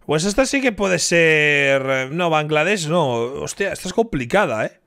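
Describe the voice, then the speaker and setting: A man talks through a quiz, thinking aloud, repeating his guesses and cheering himself on. His voice sits a little high. Quiz music plays clearly behind him. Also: animated, unhurried. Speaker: streamer reacting to a quiz. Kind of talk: casual reaction commentary. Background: quiz background music.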